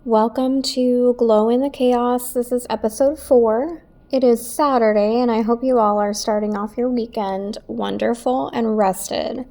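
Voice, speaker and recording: A woman's voice: on the high side, fairly even intonation, measured pace, few pauses, warm tone. A woman hosting a personal podcast, talking earnestly and emotionally about her own life. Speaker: podcast host.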